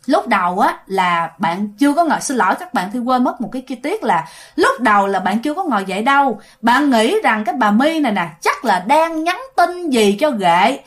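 A woman's voice: a little high, normal speed. Chatty woman telling ghost stories. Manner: chatty, expressive, frequent asides to listeners. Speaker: ghost story narrator. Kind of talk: casual storytelling, addressing listeners.

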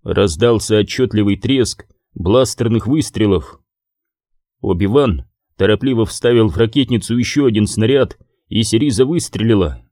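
A man narrating an audiobook in a steady, measured way. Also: on the low side, no room sound, clean studio sound.

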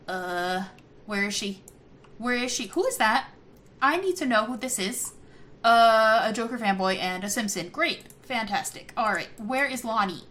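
A young woman chatting casually as she plays a life-simulation game, giggly and easily excited. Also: a little high, slight background noise. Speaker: gameplay commentator. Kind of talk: casual gameplay commentary.

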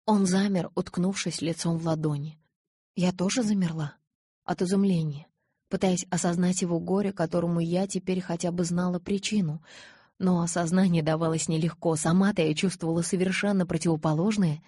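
A woman reading a first-person novel aloud with expressive storytelling. Her voice is fairly low and husky. The recording is dry and close. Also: fairly quick, no room sound. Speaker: audiobook narrator.

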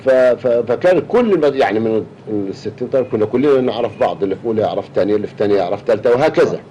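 An older man reminiscing casually, halting and repeating the starts of words. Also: medium pitch, animated, dark tone, highs cut off, a little hiss or hum. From Egypt.

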